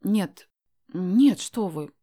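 A shy, conscientious young woman, as a narrator reads her, answers politely and hesitantly in a storybook reading. Her voice sits at a plain middle pitch, soft-spoken and proper. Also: expressive, very slow. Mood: flustered.

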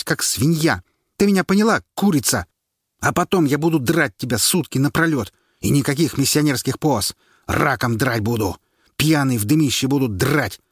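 A man voicing a tense young husband who talks in a strained, hoarse, threatening way. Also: medium pitch, dry recording, clean studio sound, voice pushed up.

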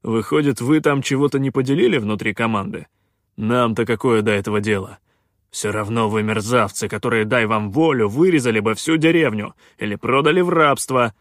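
A man voicing a gloomy, bullish male miner creature who talks slowly and sullenly. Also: medium pitch, fairly bright tone, no room sound, clean studio sound, close to an everyday voice. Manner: slow, sullen, grumbling.

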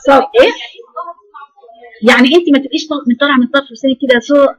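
An Egyptian-accented woman leads a recitation class in a high voice. She repeats each sound to show it and corrects her students directly. Her teaching is firm and hands-on. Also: steady tone, racing, rough recording. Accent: Egyptian Arabic. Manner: demonstrates sounds by repeating them, corrects firmly.

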